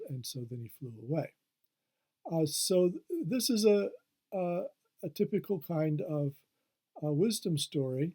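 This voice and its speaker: Mellow-voiced man giving a hesitant lecture. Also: fairly high pitch. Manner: hesitant, many "uh" fillers and restarts. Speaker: history professor. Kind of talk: recorded lecture.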